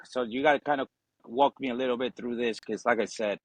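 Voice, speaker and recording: A man's voice: medium pitch, steady tone, fairly quick, no room sound, low-quality recording. A man in his forties from Ecuador, a Spanish speaker and Marine veteran, chatting casually as a podcast guest with lots of fillers and some swearing. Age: 40s. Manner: easygoing, swears, leans on fillers. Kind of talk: casual chat.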